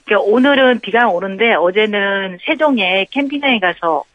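A woman's voice: mid-range voice, animated, moderate pace, no room sound. A woman calling in to a radio quiz over the phone, chatting cheerfully and telling a family story. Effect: heard over a phone line. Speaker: radio call-in quiz contestant. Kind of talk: casual phone chat on a radio show. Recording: narrow tinny phone line, dry.

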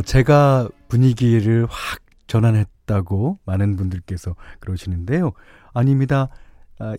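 A man's voice: mid-range voice, warm tone, no echo, clean studio sound. A middle-aged man hosting a radio music show, reading listener messages in a chatty, playful way.

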